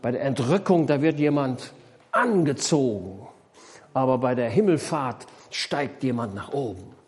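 A male preacher delivers a sermon in church, walking his listeners through a parable. He keeps asking them questions and repeats his main points with emphasis. His voice sits at an average pitch for a man. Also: lively intonation, unhurried, a little mellow. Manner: explains with questions to the congregation; emphatic, repeats key phrases.

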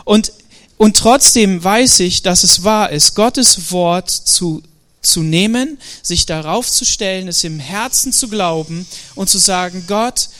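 A man preaching a Sunday sermon in a lively, animated way, with frequent fillers and hesitations. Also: sits high, slow. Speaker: pastor.

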